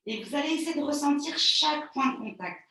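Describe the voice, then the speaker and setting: A woman pilates instructor giving calm, soothing step-by-step cues and counting breaths for a live class. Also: high-pitched, a little fast, slight background noise. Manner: calm, soothing, gently reassuring. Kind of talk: guided exercise class. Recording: very echoey room, voice far from the mic.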